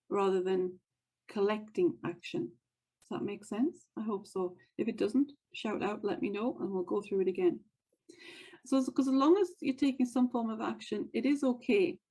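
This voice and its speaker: A woman's voice: mid-range voice, dark tone, low-quality recording. A woman hosting a motivational wealth podcast, speaking in an earnest, encouraging way and repeating her key phrases. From United States. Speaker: podcast host and wealth coach. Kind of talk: motivational monologue.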